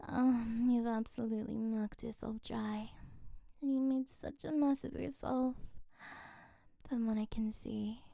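A woman doing ASMR role-play as a flirtatious, coaxing friend, drifting between soft breathy speech and speaks softly, close and intimate as if right in your ear. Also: a little high, little pitch movement, measured pace, no room sound. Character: flirtatious, coaxing female friend on a late call.

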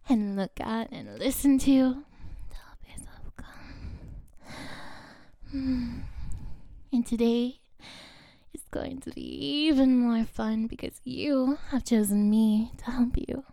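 Slow, whispery woman with a gravelly edge. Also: a little high, dry recording, clean studio sound. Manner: slow, teasing, breathy whispering with soft giggles. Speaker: audio performer. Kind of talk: intimate whispered audio roleplay.

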